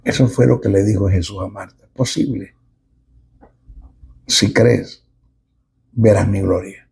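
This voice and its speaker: A middle-aged man preaching a sermon as a pastor, emphatic and with dramatic pauses. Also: fairly low pitch, fairly even intonation, vocal fry, a little mellow, husky.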